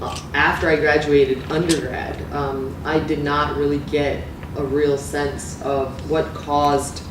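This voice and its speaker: A woman's voice: low voice, little pitch movement, takes it slowly, few pauses, background noise. Woman lecturing in an echoey hall. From Romania. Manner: conversational, many fillers and self-corrections. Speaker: guest lecturer. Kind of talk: academic lecture. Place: lecture room. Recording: echoey room from far off.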